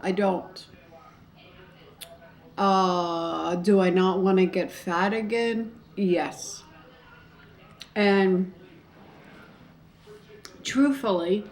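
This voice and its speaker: A middle-aged woman chatting casually to viewers on an eating show, chewing while talking, in a halting way with pauses. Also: mid-range voice. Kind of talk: casual mukbang chat to viewers.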